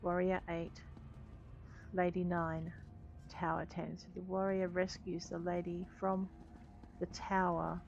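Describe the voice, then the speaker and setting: A woman's voice: on the low side, creaky, a little mellow, lo-fi sound. A woman doing casual game playthrough commentary, musing aloud and reading game text as she goes. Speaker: gaming host.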